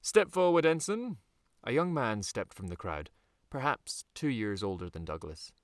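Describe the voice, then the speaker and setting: Reading his fantasy novel aloud, the author uses a fairly low voice with a fairly bright tone, delivering it in a very animated yet measured way. His scripted narration has dramatic phrasing and deliberate pauses, and the recording is dry, with hardly any room sound.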